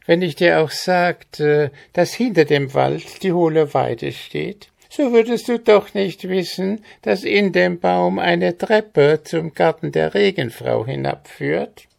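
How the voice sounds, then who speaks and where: A man's voice: on the high side, slow pace, creaky, few pauses, a little mellow, pitched above the performer's own voice, exaggerated voice. A man voicing a small, spiteful male goblin with a quacking, squawky voice and a mocking, sing-song way of talking in an audiobook. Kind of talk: audiobook character voice.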